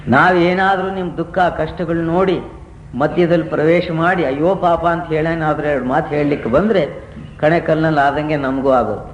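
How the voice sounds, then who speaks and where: A man preaches to a gathering, his voice sitting a touch higher than most men's. He teaches through stories and rhetorical questions. The old recording is roomy, with a faint hiss underneath. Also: steady tone, moderate pace. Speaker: spiritual teacher. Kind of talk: devotional discourse to a gathering.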